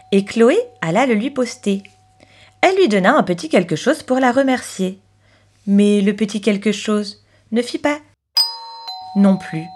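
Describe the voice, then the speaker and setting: A woman in her thirties reads a children's story aloud. Her voice stays gentle and expressive, rising and falling lively in pitch. She speaks at a middle pitch with clear, warm storytelling.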